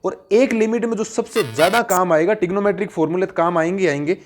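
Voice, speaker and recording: A math teacher with a high voice runs a classroom lesson at a quick pace, posing questions and answering them himself while repeating each key point so it sticks. Soft music plays in the background.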